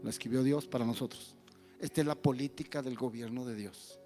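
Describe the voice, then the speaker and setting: A male pastor, preaching an animated sermon and acting out the voices of the people he quotes. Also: mid-range voice, brisk, soft background music.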